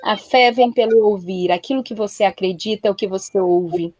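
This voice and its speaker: A woman's voice: medium pitch, normal speed, a little mellow, dry recording, faint music behind. A woman guest on a live talk show who gives counsel in an earnest, emphatic way and repeats her warnings to stress them.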